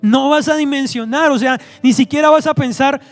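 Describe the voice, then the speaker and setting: A man's voice: very high-pitched, normal speed. A man preaching a sermon to his church, emphatic and repetitive, acting out quoted voices. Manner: emphatic, repeats phrases, acts out quoted voices.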